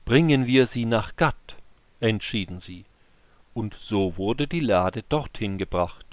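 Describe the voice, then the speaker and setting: Man, scripture reading, slow pace, measured and even, mid pitch, dry close sound. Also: no echo. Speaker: Bible reader.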